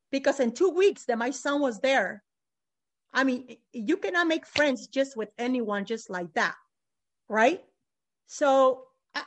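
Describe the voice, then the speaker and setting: High-voiced, emotional, insistent mother. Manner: insistent, repeats herself, restarts often. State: emotional, near tears. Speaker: bereaved mother, guest. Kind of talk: emotional interview testimony.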